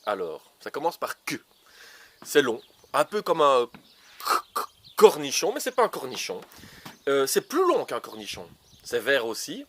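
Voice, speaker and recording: A man's voice: medium pitch, wildly swooping pitch, a little slow, pauses often, slightly rough. Playful man planting his vegetable garden. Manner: playful, teasing guessing games, many fillers. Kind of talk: casual gardening show for children. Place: outdoor garden.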